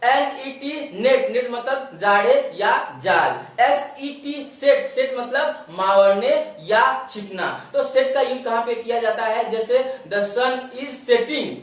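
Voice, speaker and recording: Teacher spelling words slowly, echoey room. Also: mid-range voice, distant mic. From India. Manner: spells words letter by letter, slow and drawn out. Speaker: English teacher. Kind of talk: spoken English pronunciation lesson. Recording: roomy echo, voice off-mic.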